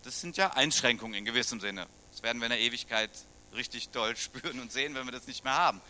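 A man's voice: mid-range voice, quick pace, sharp tone, a little hiss or hum. A middle-aged man from Germany, a pastor preaching a sermon in a conversational way, often putting questions to his listeners. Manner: conversational, asks the congregation questions.

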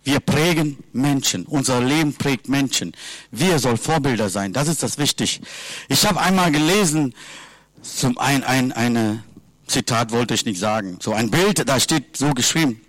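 A man preaching a sermon in simple, halting sentences, earnestly asking his listeners question after question. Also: medium pitch, animated, a bit bright, no room sound. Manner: earnest, asks repeated rhetorical questions. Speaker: lay preacher.

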